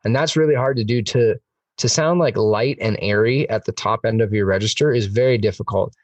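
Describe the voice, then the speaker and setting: A man's voice: fairly low pitch, a little fast, no room sound, distant mic. A man chatting on a music podcast, enthusiastic and rambling, with lots of fillers. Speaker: podcast host. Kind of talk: casual music podcast chat.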